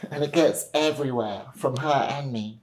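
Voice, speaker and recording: A woman's voice: a bass voice, moderate pace, a little mellow, a little hiss or hum. Chatty woman vlogging. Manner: chatty, upbeat, addresses viewers directly. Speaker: independent film director. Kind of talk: casual behind-the-scenes vlog.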